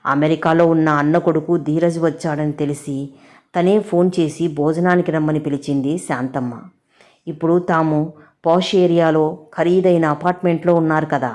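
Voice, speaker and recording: A woman storyteller narrates a family drama in a steady, expressive reading voice. Her voice sits low and sounds warm and dark. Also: moderate pace.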